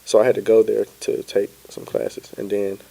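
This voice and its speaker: A young man from Florida, a podcast guest telling his story in an easygoing, relaxed way. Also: fairly low pitch, normal speed, vocal fry. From Pensacola, Florida. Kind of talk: casual interview chat.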